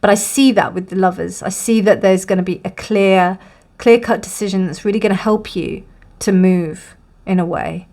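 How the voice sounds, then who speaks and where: Woman, tarot reader, chatty and rambling, a bit breathless, mid pitch. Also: steady tone, normal speed, a little mellow. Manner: rambling, many fillers and restarts. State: out of breath, dry mouth. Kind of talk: casual spoken tarot reading.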